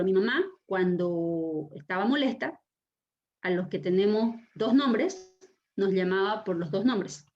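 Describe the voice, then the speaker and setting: A woman teaching an online class, very expressive and emphatic, drawing out key words for weight. Her voice sits at an everyday middle pitch. It comes through a video call microphone with dull, lo-fi sound. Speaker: university lecturer and session host.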